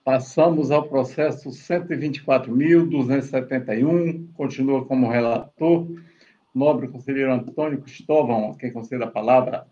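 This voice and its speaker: President guy running the session, brisk formal calls, muffled call audio. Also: medium pitch, fairly even intonation, warm tone. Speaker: court president. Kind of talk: chairing a virtual session. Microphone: video call.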